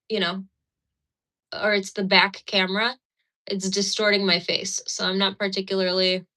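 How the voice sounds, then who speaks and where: Here a Ukrainian woman, the host of a casual livestream, talks with her viewers and laughs as she applies makeup at a mirror indoors. Her mid-range voice comes across pushed and bright on the phone recording.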